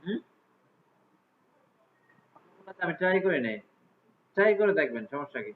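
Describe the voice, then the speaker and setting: Male teacher, somewhat high voice, tinny phone-like audio. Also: sing-song, quick pace. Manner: casual, asks students frequent check questions. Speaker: computer class teacher. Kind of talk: live class walkthrough.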